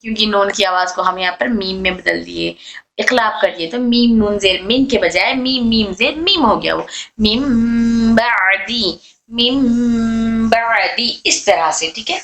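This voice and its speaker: A woman's voice: mid-range voice, normal speed, creaky, fairly bright tone, rough recording. A woman teaching a recitation lesson, explaining patiently and repeating and drawing out the example sounds. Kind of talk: online tajweed lesson.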